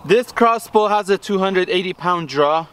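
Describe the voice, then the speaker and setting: A man in his thirties hosting a casual outdoor video, excited and laughing often. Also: high-pitched, moderate pace, background noise. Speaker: video host. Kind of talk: casual vlog commentary. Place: outdoors in an orchard.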